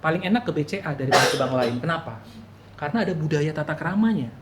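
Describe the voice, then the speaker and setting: A man preaching a sermon to the congregation, talking to them directly and acting out his inner thoughts in a quiet murmur. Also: a little high, animated, rapid-fire, heavy background noise. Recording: echoey hall with faint ambience.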